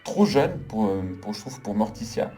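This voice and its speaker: Guy doing a casual movie review vlog, super emphatic and opinionated, darkish mellow voice, faint music under it. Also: lowish voice, lively intonation, moderate pace. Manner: emphatic, opinionated, heavy use of intensifiers. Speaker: film critic. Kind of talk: casual video film review.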